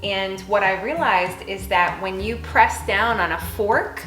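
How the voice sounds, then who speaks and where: A woman's voice: medium pitch, a little slow. A woman hosting a cooking show, bubbly and chatty as she demonstrates a recipe. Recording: echoey room with loud music.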